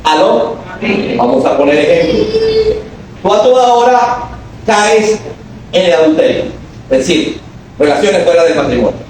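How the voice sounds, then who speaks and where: A male pastor preaching a sermon to a congregation, calling for responses and rising to shouted exhortations. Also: high-pitched, expressive, moderate pace, long pauses, slight background noise. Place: church hall. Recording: very echoey hall, voice from far off.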